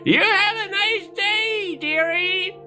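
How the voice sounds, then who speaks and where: A woman voicing a sweet, overcharging old woman who keeps a tavern, in a high quavering voice. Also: takes it slowly, pushed and bright, faint music behind, full character voice. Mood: sugary.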